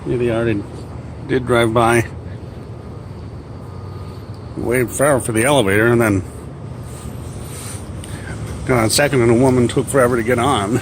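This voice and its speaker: A man's voice: mid-range voice, fairly even intonation, brisk, long pauses. A man giving casual, offhand running commentary, muttering to himself. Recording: clear background noise, vehicle ambience.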